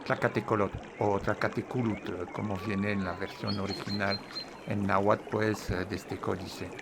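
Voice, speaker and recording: A video presenter on Nahua history gives an informal lecture, partly read aloud, sounding hesitant and full of fillers; he admits his Spanish is a bit crooked. His voice is fairly low, gravelly and flat in pitch, at a moderate pace, with heavy background noise.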